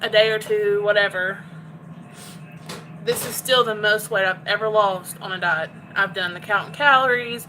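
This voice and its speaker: A woman's voice: mid-range voice, moderate pace, sharp tone, slight background noise, low-quality recording. A woman chatting candidly to her phone while cooking in her home kitchen. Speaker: cooking vlogger. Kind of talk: casual chat while cooking.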